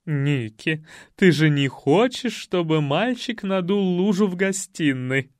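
A man doing a cheeky elderly gentleman. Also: sits high, expressive, takes it slowly, no room sound, studio quality. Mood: teasing.

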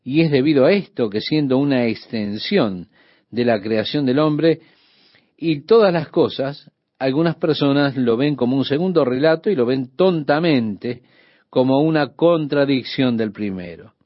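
A man's voice: mid-range voice, measured pace, dry recording, muffled recording. Man teaching a radio Bible study. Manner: addresses the listener directly; steady explanatory teaching.

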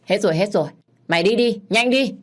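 A woman reading a story, voicing a spiteful elderly female noodle-seller who scolds in a shrill, scornful manner. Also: a little fast, lightly acted. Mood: dismissive.

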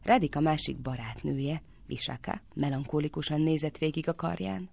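A woman reading a storybook tale aloud for radio in a measured, expressive way. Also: low-pitched, gravelly, breathy edge, dry recording.

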